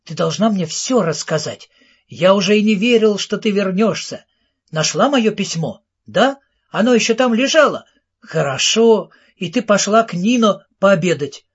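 A man voicing an excitable, famous male storyteller who gushes and rattles off questions, in an audiobook. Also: high voice, husky, highs cut off. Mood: excited, gushing. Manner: breathless, gushing, rapid-fire questions.

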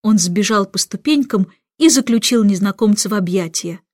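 A woman narrating a children's storybook in a lively, expressive way. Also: mid-range voice, moderate pace, no echo, clean studio sound. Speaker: reader.

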